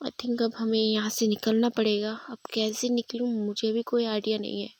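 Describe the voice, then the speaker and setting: A woman voicing Lisa, an easygoing, playful young woman who reassures calmly and mixes in English phrases. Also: fairly high pitch, normal speed, dry recording, close to an everyday voice. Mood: wistful.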